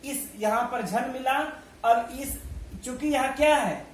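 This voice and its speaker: High-voiced man teaching slowly in an echoey room. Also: slight background noise. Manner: slow, methodical, recites letters one by one, asks and answers his own questions. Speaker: Sanskrit grammar teacher. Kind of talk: online video lesson.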